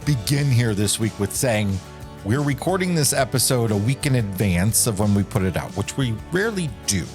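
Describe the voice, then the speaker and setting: Lively-voiced male podcast co-host. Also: on the low side, normal speed, over music. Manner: chatty, self-deprecating, trailing restarts. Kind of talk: casual chat.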